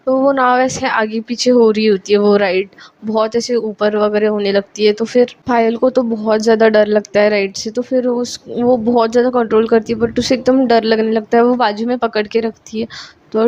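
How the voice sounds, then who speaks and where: A woman's voice: a little high, a little mellow, muffled recording. A woman narrating a romance story in a casual, chatty way that often repeats itself.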